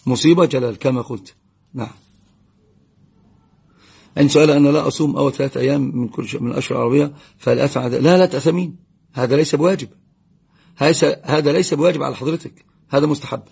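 Guy teaching religion live, super fast, really gravelly and raspy, blesses viewers by name between questions. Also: mid-range voice, a little mellow. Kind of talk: live Q&A lesson, answering viewer comments.

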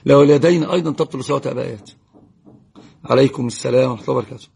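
A man giving a live religious Q&A lesson, answering viewer questions quickly and greeting and blessing viewers by name. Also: medium pitch, steady tone, vocal fry, darkish tone, slightly rough. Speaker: religious teacher.

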